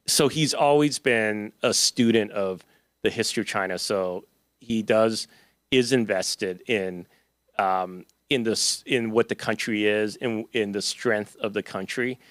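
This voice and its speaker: This clip features a man, an author, responding to audience questions during a book talk held in an event hall. He talks casually, with lots of fillers and false starts. His voice is on the low side with a fairly bright tone, and the studio-quality recording carries no room sound.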